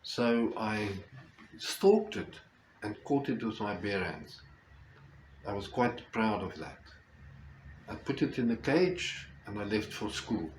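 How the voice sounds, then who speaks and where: An older man with a South African accent and Afrikaans as his first language, telling a personal story reflectively with halting, deliberate phrasing. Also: on the low side, expressive. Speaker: storyteller, host. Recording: roomy echo with faint background noise.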